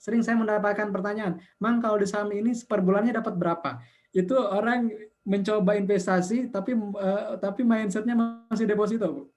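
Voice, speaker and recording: A man in his fifties speaks in a fairly high but mellow voice. He walks through figures step by step in a talk-show conversation, often slipping into livelier voices to quote the people who ask him questions. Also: brisk, soft background music. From Indonesia. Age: 50s. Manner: explaining with numbers, quotes callers in lively voices. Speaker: investment community founder.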